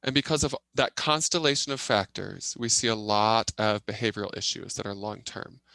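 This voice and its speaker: A man working as an interpreter, giving simultaneous interpretation of a signed presentation in halting phrases delivered in short bursts. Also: fairly low pitch, fairly even intonation, gravelly, pushed and bright, no echo. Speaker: sign language interpreter voicing a deaf presenter.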